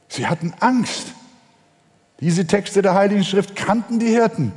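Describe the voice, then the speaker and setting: A man preaching a sermon, swinging from ringing emphasis to hushed low tones, with hesitant fillers between phrases. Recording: long hall reverb.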